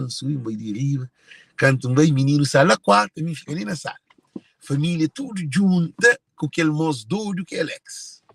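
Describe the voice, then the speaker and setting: A man's voice: a little high, fairly bright tone, husky, no echo. A Cape Verdean man speaking in an emotional monologue to viewers, repeating and circling back to his phrases. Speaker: speaker sharing personal family story.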